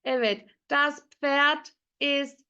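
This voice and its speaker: A woman with a fairly high voice gives an unhurried lesson, saying each word slowly and then repeating it. Her manner is patient, the style of someone drilling pronunciation with learners. The audio sounds slightly dull and muffled. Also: fairly even intonation, pushed and bright. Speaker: German teacher. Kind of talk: slow teaching with repetition. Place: online class.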